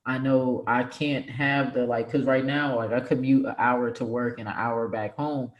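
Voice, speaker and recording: A man in his twenties talking casually as an interview guest, relaxed and rambling with lots of "like" and "right?". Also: medium pitch, normal speed, highs cut off. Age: 20s. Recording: roomy, echoey room sound.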